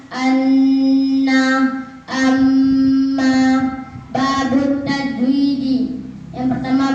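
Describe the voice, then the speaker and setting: A woman's voice: high-pitched, darkish tone, slight background noise. A woman reciting memorized Quranic reading rules for an oral exam, chanting lists of letters in a sing-song rhythm. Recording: echoey distant lo-fi room recording.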